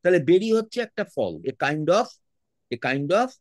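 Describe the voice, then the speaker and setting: Bengali-accented male teacher, online lesson, patient speller, animated pitch, dry sound. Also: a little slow, no room sound. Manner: patient, spells words out letter by letter; mixes English words into his speech.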